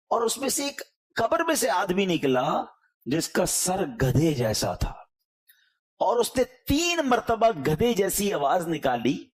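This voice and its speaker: A man preaching with a Pakistani Urdu accent, his voice higher than most men's and rising and falling a lot. He pleads and exhorts, jumping from loud appeals to hushed, soft lines. It is an emotional sermon delivery. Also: husky.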